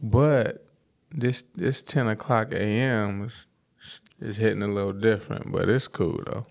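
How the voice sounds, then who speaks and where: A man's voice: lowish voice, fairly even intonation, a little slow, vocal fry. A man in his forties, co-hosting a podcast in a laid-back, slangy, rambling casual chat. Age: 40s. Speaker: podcast co-host.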